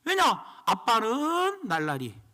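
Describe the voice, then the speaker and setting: A pastor preaching with emphatic, storytelling force. His voice sits unusually high for a man and moves in a lively way, with a bright, forceful edge. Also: takes it slowly. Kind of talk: sermon.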